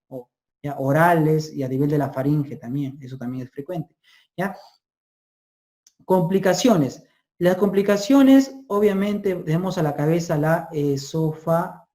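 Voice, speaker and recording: In this recorded lecture, a medical exam-prep teacher speaks in a mellow, mid-range voice. He drills key terms by saying them again and again, checking in with listeners by tagging lines with "ya?" and "ojo."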